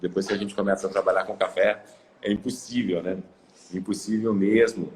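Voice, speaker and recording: The man, a Brazilian coffee exporter from Ribeirão Preto, is a guest on a live video call and speaks casually, rambling with many fillers and restarts. His low voice barely shifts in pitch, and his pace is brisk. He has a Brazilian Portuguese accent, and the audio is poor with some hiss or hum.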